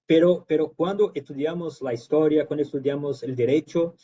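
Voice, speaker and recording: Brazilian guy, mellow voice, spanish mixed with portuguese, keeps hunting for words, dull video call sound. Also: fairly high pitch. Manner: halting, searching for words. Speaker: guest lecturer. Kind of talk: informal academic remarks.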